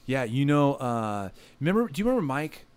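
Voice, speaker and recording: Man, podcast host, casual chat, slangy, filler-heavy, mid pitch. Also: very animated, a little fast, darkish tone, smooth. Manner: laid-back, slangy, many fillers.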